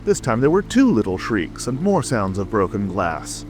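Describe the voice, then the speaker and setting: A man's voice: on the low side, very animated, moderate pace. A man narrating a scripted storybook as an audiobook reader. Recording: music and rain ambience behind. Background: music, rain.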